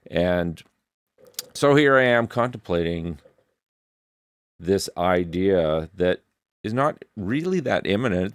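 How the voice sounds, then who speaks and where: Recorded on a desk studio mic in his home music studio with no echo, a middle-aged man muses reflectively for a vlog. He's a musician and video creator, and his deep voice sounds creaky.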